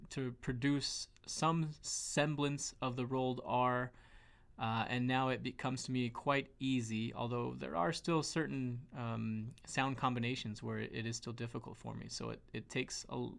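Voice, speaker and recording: A Spanish teacher from the western United States, with a Western American accent, gives a pronunciation lesson peppered with fillers and restarts. His medium-pitched voice has vocal fry and a fairly bright tone.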